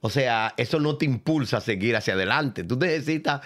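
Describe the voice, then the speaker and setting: A man's voice: medium pitch, expressive, a little fast, fairly bright tone. Casual man. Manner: acts out quoted advice, often interjects agreement. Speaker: interview guest. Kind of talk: casual interview anecdotes.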